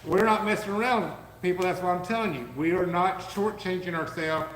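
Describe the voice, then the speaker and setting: A man co-hosting a live podcast from a warehouse, pitching his gear with eager, salesman-like energy, his voice going hoarse. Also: brisk, reverberant, in a large hall, noisy background. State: losing his voice. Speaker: podcast co-host, business owner. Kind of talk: casual live podcast chat.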